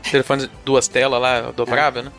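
A Brazilian man co-hosting a gaming podcast, chatting in relaxed slang with halting restarts. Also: mid-range voice, faint music behind. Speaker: podcast co-host. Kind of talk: casual chat about video games.

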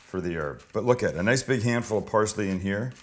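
Low-voiced man hosting a casual cooking show. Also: lively intonation, fairly quick. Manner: chatty, informal, opinionated cooking show host delivery. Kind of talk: casual cooking demonstration, talking viewers through steps. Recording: clear background noise with kitchen clatter.

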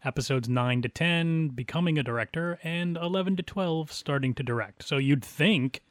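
A man's voice: a little high, moderate pace, no echo. A man co-hosting a podcast about community theater in casual chat, laughing often and restarting phrases. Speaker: podcast co-host.

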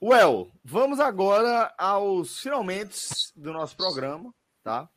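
A man's voice: sits high, sing-song, takes it slowly, a bit bright. A man casually hosting a live sports show in informal, slangy speech. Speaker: host.

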